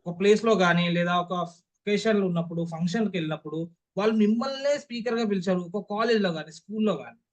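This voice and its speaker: Speaking rapid-fire in a voice that sits high, this young public speaking trainer with a Telugu accent lectures an online class over dull audio. He emphasizes key words and repeatedly uses rhetorical questions to make sure his listeners are following.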